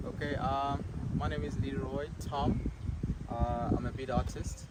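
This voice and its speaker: A man from Zimbabwe, a bead artist, talking haltingly in a casual interview outdoors at a zoo. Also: mid-range voice, steady tone. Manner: halting, many fillers. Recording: loud outdoor background noise.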